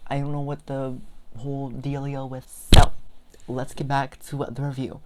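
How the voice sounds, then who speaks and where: A woman's voice: very deep voice, level tone, moderate pace, very noisy. A young woman vlogger talking casually and rambling, chatty and self-deprecating. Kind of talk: casual rambling product vlog.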